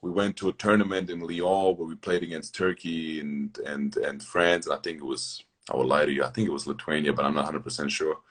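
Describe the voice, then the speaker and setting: A young man from Germany, a basketball player, telling stories fast in loose, broken English as an interview guest. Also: rumbling low, steady tone, fairly bright tone, breathy edge. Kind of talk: casual interview storytelling.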